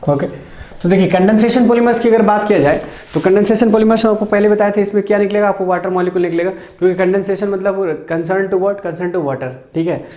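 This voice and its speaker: Indian guy teaching chemistry at a board, mellow voice kinda high, asks himself questions as he goes, echoey room. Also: fairly even intonation. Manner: explains step by step, asks and answers his own questions, mixes English terms into Hindi; slows down and spells out formulas while writing. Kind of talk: recorded lecture at a board.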